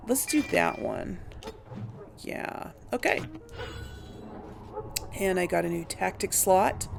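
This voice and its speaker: A woman narrates a role-play game in a casual let's play, thinking aloud and sounding hesitant. Her mid-range voice is creaky with a darkish tone, and there's slight background noise.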